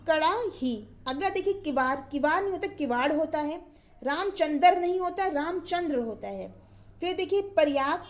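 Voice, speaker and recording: A high-voiced woman teaching an exam-prep grammar class. She talks methodically and repeats each word twice.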